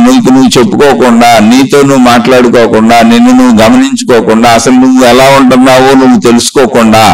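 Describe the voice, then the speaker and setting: Fast-talking man preaching, mic set back. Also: medium pitch, gravelly, distant mic. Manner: repetitive rhetorical questions, earnest preaching. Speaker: spiritual speaker. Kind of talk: spiritual talk to listeners.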